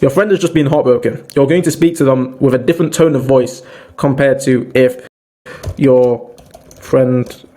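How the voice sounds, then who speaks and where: A man's voice: mid-range voice, normal speed, dark tone. A man giving an informal sales training talk, addressing listeners as "boys" and often restarting his sentences. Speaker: sales coach. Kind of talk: casual online training talk.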